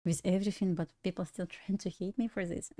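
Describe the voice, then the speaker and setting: A young woman from Belarus, a native Russian speaker with a Russian accent, hosts a casual trading livestream and chats with viewers. She laughs often and restarts her sentences haltingly. Her voice is fairly low-pitched, steady, and dark in tone.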